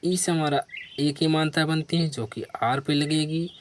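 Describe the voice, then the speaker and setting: A man's voice: a little high, fairly even intonation, unhurried, background noise. A man teaching beginners, spelling out words letter by letter and asking questions back to the learner. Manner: spells letters one by one and asks the viewer to repeat. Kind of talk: slow spelling lesson for beginners.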